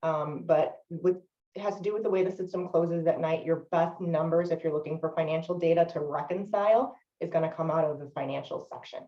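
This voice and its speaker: A woman trainer leading a software training webinar, explaining steadily with frequent "um" fillers. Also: low-pitched, fairly quick. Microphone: video call microphone. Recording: distant, roomy, dull lo-fi webinar audio.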